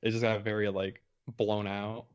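A man co-hosting a casual film review podcast, recapping the plot in rambling, halting sentences. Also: lowish voice, little pitch movement, clean tone. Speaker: podcast co-host. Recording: dull lo-fi mic.

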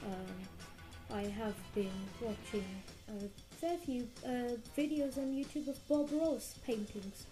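A woman's voice: on the high side, slow pace, music in the background, low-quality recording. A woman co-hosting a podcast in a casual, conversational style. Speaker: podcast co-host. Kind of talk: casual chat.

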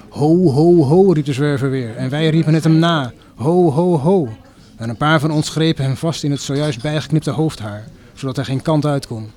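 A man narrating a first-person literary story in a measured, deliberate way. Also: on the high side, a little mellow. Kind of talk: literary reading.

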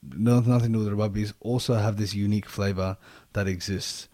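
A man with a mellow, relaxed voice talks through his thoughts in a casual discussion. He often repeats a phrase to stress it, and the recording is close and dry. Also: fairly low pitch, fairly quick, no echo.

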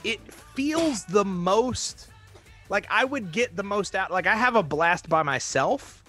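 A man's voice: high voice, expressive, takes it slowly, sharp tone, faint music behind. A man casually chatting as a podcast co-host, rambling with lots of fillers and laughing easily. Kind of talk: casual chat.

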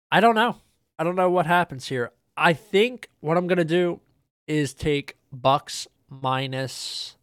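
A young man hosting a podcast alone, running quickly through his sports betting picks in a casual, fast way, with lots of ums. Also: mid-range voice, fairly bright tone, smooth, dry recording, studio quality. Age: young adult. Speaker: podcast host.

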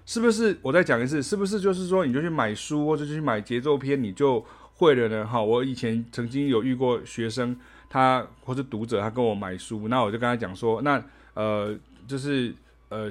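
A man's voice: mid-range voice, brisk. Chatty man teaching jazz rhythm. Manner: chatty, ends phrases with a soft "ha", scats rhythms aloud. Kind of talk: casual spoken music lesson.

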